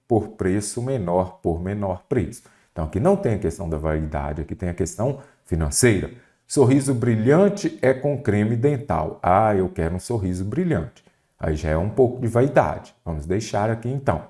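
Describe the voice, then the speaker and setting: A man with a Brazilian Portuguese accent teaching an online exam-prep lesson, animated and asking rhetorical questions. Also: normal speed. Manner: animated, lively pitch swings, rhetorical questions.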